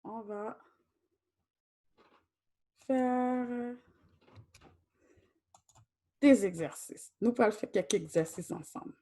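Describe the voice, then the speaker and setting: A woman's voice: on the high side, slow pace, long pauses, mellow. A woman teaching a Haitian Creole class, switching between Creole and French and questioning her students patiently.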